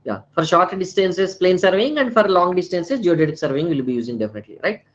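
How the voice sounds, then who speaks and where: A fast-talking teacher with an Indian accent and a voice that sits high lectures live online with lively intonation. Phrases get repeated, questions end in "right" or "na," and Hindi words pop up in his English; the audio sounds dull.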